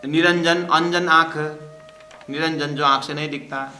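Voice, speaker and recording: A man's voice: fairly high pitch, steady tone, unhurried, sharp tone, reverberant, faint music behind. A man teaching from scripture in a storytelling manner, acting out voices. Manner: storytelling, acts out voices and laughs. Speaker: spiritual teacher. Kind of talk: scripture class.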